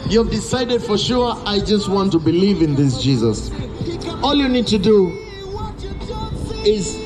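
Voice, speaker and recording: Middle-aged Kenyan man, open-air preacher, high-pitched and fervent, roomy street sound with music behind. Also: very animated, unhurried. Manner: fervent, repeats phrases for emphasis, pleading. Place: outdoors on a city street at dusk. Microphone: handheld microphone through a small speaker. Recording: echoey outdoor sound with music and traffic behind.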